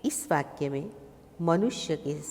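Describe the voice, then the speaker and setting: A woman's voice: deep voice, expressive, a little mellow, a little hiss or hum. A woman teacher explaining a poem to pupils, stopping often to check that they follow. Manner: slow explaining with checking questions. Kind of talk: recorded Hindi poem lesson. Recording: long reverb.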